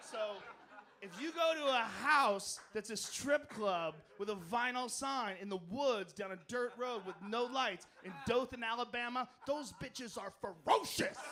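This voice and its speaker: A man doing stand-up comedy on a club stage, telling a story loudly and profanely, with mumbled asides and shouted punchlines. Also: very high-pitched.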